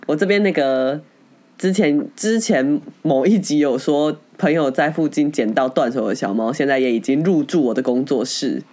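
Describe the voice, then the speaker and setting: A woman's voice: low voice, moderate pace, darkish tone. A woman with a Taiwanese accent co-hosting a podcast in a casual, colloquial, self-teasing chat. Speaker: podcast co-host.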